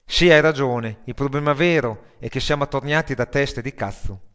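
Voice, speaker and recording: A sardonic metalhead worker who grumbles and swears about his job, as a male audiobook reader puts him on. His tone is loud and coarse at a plain middle pitch. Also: moderate pace, lightly acted. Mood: grumbling.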